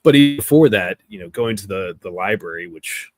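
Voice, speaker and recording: A man in his forties from Florida, chatting as a guest about his paranormal show in a relaxed, rambling storytelling way over a video call from outdoors. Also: fairly low pitch, a little fast, no room sound. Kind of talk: casual chat.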